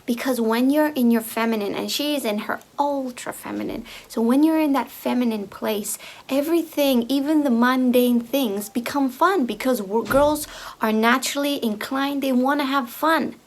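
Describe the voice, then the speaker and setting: A woman speaking slowly and softly in a reflective monologue, often repeating herself and sometimes slipping into a whisper. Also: high-pitched. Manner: slow, soft, drifting into whispers. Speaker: speaker on femininity.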